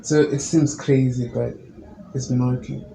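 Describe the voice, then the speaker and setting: A young male musician, interviewed as a guest, talks in a low, gravelly voice with a flat, even delivery. His answers come calmly and in measured, lengthy explanations. The room is echoey, with constant noise in the background.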